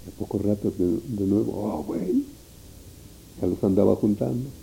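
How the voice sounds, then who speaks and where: A man's voice: lowish voice, fast talker, vocal fry, warm tone, a little hiss or hum, rough recording. A man telling a meandering, folksy story from his past. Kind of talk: oral history recollection.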